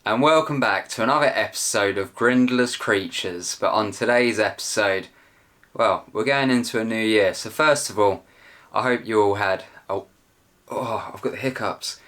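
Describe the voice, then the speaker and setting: A man's voice: fairly low pitch, normal speed, fairly bright tone. A young man hosting his own video channel, chatting in a rambling, self-deprecating way. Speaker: channel host. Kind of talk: casual video chat.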